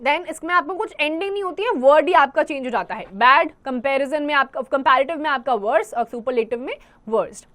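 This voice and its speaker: A woman teacher with an Indian English accent giving a grammar lesson to school students, reading English rules slowly and explaining them quickly in Hindi. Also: high-pitched, fairly bright tone.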